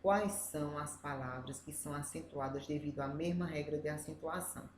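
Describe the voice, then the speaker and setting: Brazilian woman teacher, low voice, methodical step-by-step explaining, echoey room with faint background noise. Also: brisk. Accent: Brazilian Portuguese. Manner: explains step by step, often adds "né?". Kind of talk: reviewing exercises for adult students.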